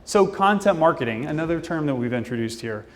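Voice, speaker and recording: A man's voice: on the high side, lively intonation, fairly quick. Man presenting in a reverberant hall. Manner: conversational, with fillers and asides. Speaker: conference speaker. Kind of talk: conference presentation. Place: conference hall.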